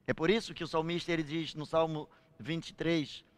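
An older man preaching a sermon, slowing down and swelling on key phrases. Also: on the high side, steady tone.

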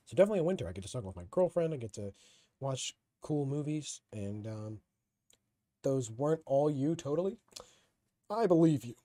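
A man's voice: mid-range voice, sing-song, a little fast, dark tone, dry recording. A young man hosting a casual podcast, answering listener questions in a rambling, giggly way that keeps cutting himself off. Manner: rambling, giggly, self-interrupting. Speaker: podcast host.

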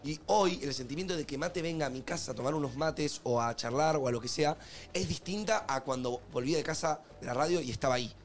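A young Argentine man talks at a rapid clip in a slightly higher voice than most men. He is a co-host in casual chat, animated and full of slang, often repeating his words. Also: faint music behind. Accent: Argentine Spanish. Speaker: podcast co-host.

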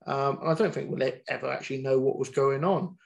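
A man co-hosting a podcast in casual chat, speaking in an animated way. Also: medium pitch, fast, creaky.

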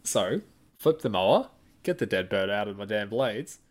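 A man with a fairly low voice chatting on a podcast. He tells his story in a laid-back, wry way and swears now and then. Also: lively intonation, normal speed. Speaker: podcast co-host. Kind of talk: casual chat, storytelling.

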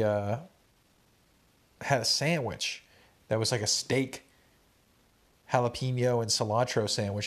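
A young man with a stuffed-up nose, tired and laid-back, casually recapping his day to viewers in a rambling, slangy vlog. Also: mid-range voice. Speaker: vlogger.

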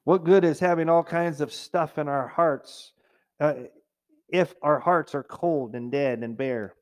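A man's voice: a little high, measured pace. A middle-aged man preaching a sermon as pastor, in a conversational way, now and then mimicking complainers in a raised whiny voice.

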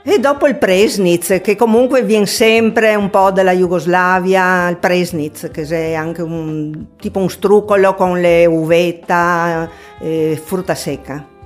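Old lady from trieste, 80s, kinda low voice, rambles away in triestine dialect. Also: fairly even intonation, slow. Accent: Triestine, north-eastern Italian dialect. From Trieste, Italy. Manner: rambling, conversational. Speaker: interviewed grandmother. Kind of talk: casual interview chat, dialect mixed with Italian. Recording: music under the voice.

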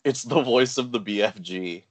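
A man co-hosting a podcast in casual chat, animated and enthusiastic, often laughing. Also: fairly low pitch, moderate pace. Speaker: podcast co-host.

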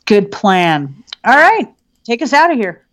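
A woman's voice: mid-range voice, sing-song, measured pace, a bit bright. A woman co-hosting a podcast in casual chat, swearing freely and laughing often. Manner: profane, laughing, chatty. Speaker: podcast co-host.

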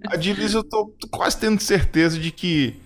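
A radio co-host in his thirties talks at normal speed in a high-pitched voice. He is earnest yet hesitant, with plenty of restarts and fillers along the way.

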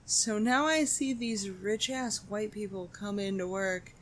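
A young adult woman co-hosting a podcast, telling stories in swearing, quick casual chat with mocking quoted voices. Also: mid-range voice, fairly bright tone, a little hiss or hum. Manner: profane, fast storytelling with mocking quoted voices. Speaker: podcast co-host.

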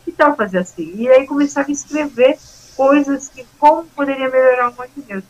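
A woman, a guest in a casual chat, retelling past events in a lively way and acting out quoted dialogue. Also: sits high, brisk, dull audio.

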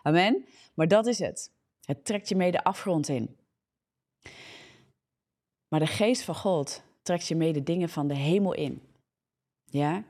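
A woman's voice: low-pitched, measured pace, long pauses, a little mellow. A woman with a Dutch accent preaching in a live morning broadcast, fervent, often checking in with "ja?" and correcting herself. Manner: fervent, frequent checking "ja?", restarts and self-corrections. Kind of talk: preaching a live social media sermon.

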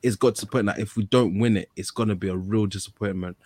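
A man's voice: fairly low pitch, fairly even intonation, fast, darkish tone, slightly rough, no room sound. A man with a London accent chatting casually and slangily about football as an opinionated fan, repeating phrases for emphasis. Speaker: football fan panellist on a podcast.

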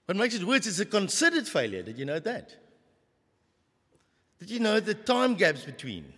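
Animated preacher in a reverberant hall. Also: male voice, sits high, moderate pace, slightly rough. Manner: animated, with many rhetorical questions. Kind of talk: sermon.

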